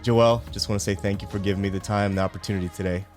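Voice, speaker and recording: A man's voice: sits low, fairly even intonation, very fast, a little mellow, faint music behind. A man in his forties hosting a military veteran podcast, asking interview questions in an earnest, upbeat way. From United States. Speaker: podcast host.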